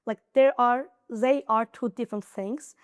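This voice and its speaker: A young woman guest who scored highly on the IELTS and comes from Nakhchivan, Azerbaijan, gives earnest study advice in English with a Nakhchivan accent, often using fillers and restarting. Her voice is on the high side, clear and resonant, a little slow and fairly even in intonation. The setting is a casual interview, with clean studio sound and no echo.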